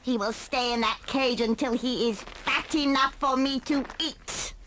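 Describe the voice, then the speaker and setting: A man voicing a cruel old witch on a storybook tape, shrieking and gloating in slow, drawn-out words. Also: very high-pitched, steady tone, sharp tone, a little hiss or hum, pitched above the performer's own voice, full character voice. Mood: screeching. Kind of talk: storybook cassette narration.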